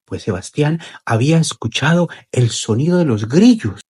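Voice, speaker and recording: A man telling a children's story in an expressive, repetitive way with dramatic pauses. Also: fairly high pitch, slightly rough.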